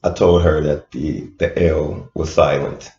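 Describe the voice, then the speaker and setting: Laid-back male co-host, very low voice, roomy lo-fi sound, halting with fillers. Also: little pitch movement, darkish tone. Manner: laid-back, hesitant with many fillers, laughs often. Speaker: podcast co-host. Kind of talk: casual chat.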